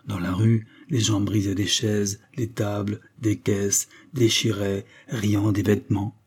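A man reading a literary audiobook with measured, grave storytelling. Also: on the low side, little pitch movement, darkish tone, slightly rough. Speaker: audiobook narrator.

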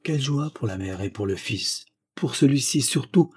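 A male audiobook narrator reading a classic novel in a measured, steady way. His voice is dark and mellow, with a husky grain. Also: medium pitch.

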